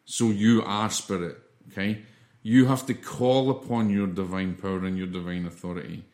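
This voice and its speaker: A man teaching an informal spiritual lesson in an earnest, reassuring, explanatory way, often halting and repeating words as he goes. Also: deep voice, steady tone, a little mellow.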